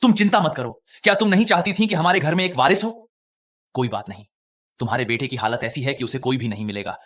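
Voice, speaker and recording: A man playing a scheming husband in a dubbed drama, talking in a smooth, reassuring way. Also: medium pitch, fairly even intonation, fast, fairly bright tone, lightly acted. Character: scheming husband chasing his wife's fortune.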